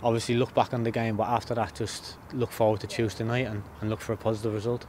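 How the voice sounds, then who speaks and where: A man in his thirties, a footballer giving a post-match interview outdoors by the pitch, plain-spoken and repeating words as he thinks. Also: flat delivery, fast talker, darkish tone, slight background noise.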